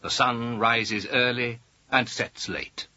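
Slow, careful man on dull lo-fi audio. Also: medium pitch, steady tone, bright, forceful tone, dry recording. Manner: slow, careful, clearly spaced delivery. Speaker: language course speaker. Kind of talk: slow scripted course dialogue.

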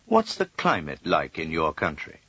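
Low-ish guy asking course questions, pitch jumps all over, bright husky sound, lo-fi. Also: wildly swooping pitch, normal speed, no echo. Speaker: language course speaker. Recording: dull lo-fi audio.

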